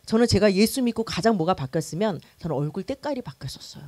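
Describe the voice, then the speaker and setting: A middle-aged woman pastor teaching a church class for new members in a lively, conversational way, acting out the quotes she tells. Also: mid-range voice, quick pace, dry recording. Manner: conversational, animated, acts out quotes.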